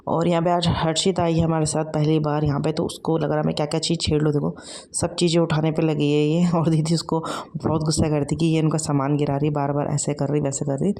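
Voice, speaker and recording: A woman's voice: low-pitched, mellow. A woman in her thirties, a mother chatting casually through her daily vlog with a rambling, filler-heavy way of talking. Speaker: vlogger and mother.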